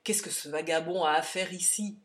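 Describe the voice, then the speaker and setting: Woman doing a gruff surly young man. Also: lowish voice, steady tone, moderate pace, close to an everyday voice. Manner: gruff, grumbling.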